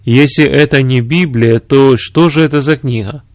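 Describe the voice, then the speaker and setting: A man's voice: medium pitch, normal speed, dry recording, lightly acted. A man voicing a blunt, self-assured middle-aged army general.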